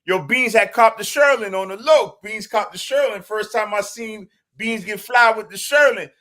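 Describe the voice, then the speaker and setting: High, bright, excitable man. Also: normal speed. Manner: excitable, loud, laughing, street slang. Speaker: podcast co-host. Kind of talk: casual podcast chat.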